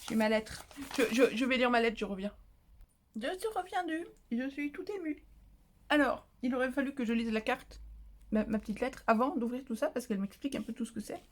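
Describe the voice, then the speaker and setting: A woman vlogs casually at home while opening craft mail, chatty and easily moved, with plenty of exclamations. Her voice is on the high side and fairly quick.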